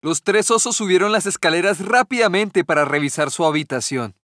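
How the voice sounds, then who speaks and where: A man narrating a children's fairy tale in a gentle, measured storytelling manner. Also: sits high, no echo, clean studio sound.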